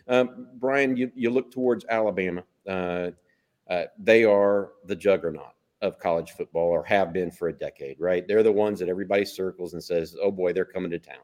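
A man's voice: low-pitched, darkish tone. A man hosting a sports talk show, chatting and putting questions to his co-host. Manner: conversational, asks guest questions.

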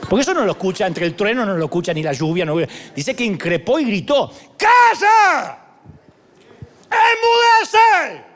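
Lively high-voiced pastor preaching. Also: male voice, quick pace, hardly any pauses. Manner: animated and humorous, acts out scenes with shouted quotes. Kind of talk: sermon.

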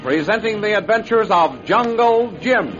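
A man's voice: sits high, animated, moderate pace, loud music behind the voice. A man announcing a 1930s radio serial in formal, declamatory scripted narration. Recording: dull old radio recording.

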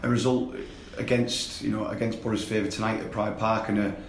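A man with a croaky voice, a guest on a casual football podcast, talking haltingly with many repeated words. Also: on the low side. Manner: hesitant, repeats words, flat delivery. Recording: echoey room with faint ambience.

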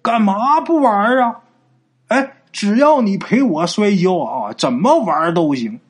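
A man voicing a huge, dim-witted male coffin spirit who pesters people to wrestle, in a booming, drawn-out voice. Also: big pitch swings, breathy edge, full character voice. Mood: boisterous.

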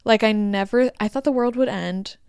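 A heavily pregnant woman in her late twenties, co-hosting a podcast in casual, rambling chat and quoting herself in lively asides. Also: medium pitch, moderate pace, smooth, no room sound, studio quality. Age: 20s. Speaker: podcast co-host.

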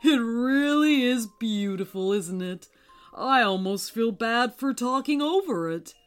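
A woman's voice: fairly high pitch, lively intonation, soft background music. A woman voicing a kindly old man moon. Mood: gentle. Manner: gentle, slow, warm-hearted.

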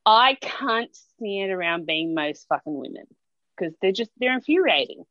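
A woman's voice: mid-range voice, animated, measured pace, no room sound, dull audio. An Australian woman in casual chat, blunt and profane, rambling with lots of fillers.

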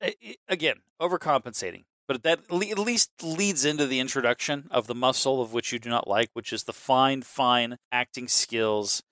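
A man's voice: mid-range voice, moderate pace, hardly any pauses, no echo. A man co-hosting a casual movie chat, rambling and swearing as he tells scenes. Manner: rambling, profane, animated storytelling. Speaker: podcast co-host.

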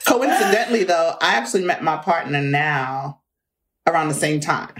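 A middle-aged woman with a fairly low voice tells lively stories from her life. She laughs often and talks in a loose, conversational way as an interview guest. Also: moderate pace. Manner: laughs often, animated anecdotes. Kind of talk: conversational storytelling.

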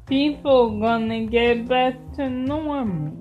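A woman's voice: on the high side, slow pace, lo-fi sound. A woman guest in a casual chat, answering briefly and plainly. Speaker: interview guest, the host's sister. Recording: music playing behind the voice. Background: plucked guitar music.

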